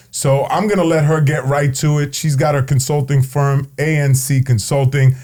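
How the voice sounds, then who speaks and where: A man from the Bronx hosting a podcast interview, enthusiastic and quick with shout-outs. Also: medium pitch. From the Bronx, New York. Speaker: podcast host. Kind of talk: conversational interview.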